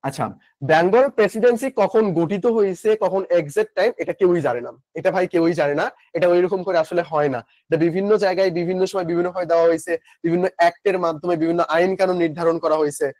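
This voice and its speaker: High-voiced and fast-talking, with a darkish tone and no echo, this young online admission-coaching teacher has a Bangladeshi Bengali accent. During his live class he chats freely, answers his own questions and reads out what students comment.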